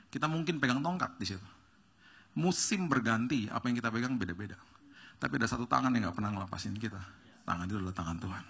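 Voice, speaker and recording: Pastor, male, bright voice, a touch husky, animated storyteller. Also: mid-range voice. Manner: animated, acts out dialogue with rising excitement. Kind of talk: storytelling sermon. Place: church stage.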